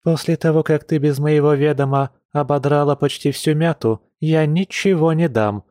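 A man's voice: fairly high pitch, normal speed, mellow, dry recording, studio quality, close to an everyday voice. A man voicing an ironic, sceptical young woman in an audiobook, lightly raised from his own voice. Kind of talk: audiobook character voice.

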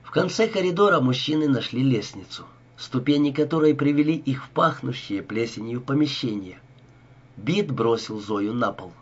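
A man reading a crime story aloud as narrator in a steady, even manner. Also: mid-range voice, moderate pace, slightly rough. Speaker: audiobook narrator. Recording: dull lo-fi recording.

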